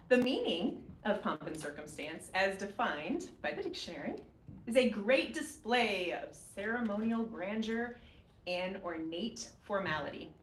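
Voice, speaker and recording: A middle-aged woman, a professor, hosting a graduation ceremony with a warm, measured formal welcome speech that names guests one by one. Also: medium pitch. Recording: echoey hall, faint ambient noise.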